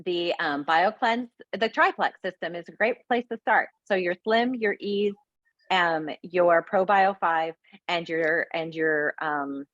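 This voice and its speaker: Woman, chatty, frank, lower voice, dry muffled audio. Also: a little slow, fairly bright tone, no room sound. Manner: chatty, frank, full of fillers. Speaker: product presenter. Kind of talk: casual sales talk.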